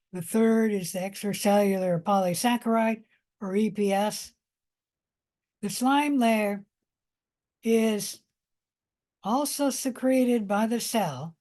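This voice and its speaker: Slow, careful woman lecturing. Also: mid-range voice, a little mellow. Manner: slow, careful explaining with fillers and restarts. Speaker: biology lecturer. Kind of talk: recorded micro lecture.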